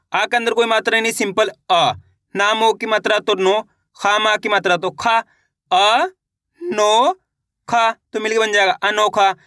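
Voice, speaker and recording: A man's voice: high voice, sharp tone, no echo, clean studio sound. A man teaching beginners to read, sounding out each syllable and then blending it into the whole word in an encouraging, repetitive way. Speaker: Hindi reading teacher. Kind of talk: slow syllable-by-syllable reading lesson.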